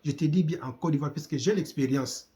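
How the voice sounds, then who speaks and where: A man from the Democratic Republic of the Congo, with a Congolese French accent, gives impassioned commentary in a dark, brisk voice on the high side. He exhorts his listeners, fires off rhetorical questions, and repeats himself.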